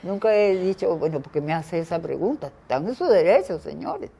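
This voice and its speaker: An older woman from Venezuela, speaking as an interview guest in a reflective conversation, pausing often to search for her words. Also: fairly low pitch, expressive, creaky, mellow, slightly rough. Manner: thoughtful, pauses to search for words.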